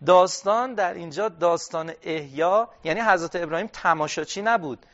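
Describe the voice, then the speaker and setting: A man's voice: high-pitched, a bit bright. A man teaching a class on scripture commentary, reading Arabic passages aloud and explaining them step by step, putting questions to his listeners and answering them himself. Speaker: religious studies teacher. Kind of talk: classroom lecture on Quranic exegesis. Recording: dull lo-fi recording.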